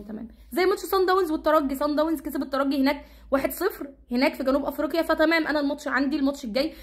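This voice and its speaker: A woman's voice: high-pitched, a little mellow. A woman with an Egyptian Arabic accent giving exasperated, repetitive football commentary in a casual rant. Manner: exasperated, repetitive, rapid-fire ranting.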